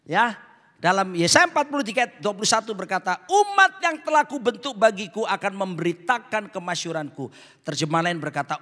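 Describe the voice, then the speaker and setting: Male pastor preaching, high lively voice, big echoey church hall, soft music underneath. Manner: dramatic, playful preaching with sudden loud bursts and hushed asides. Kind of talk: sermon.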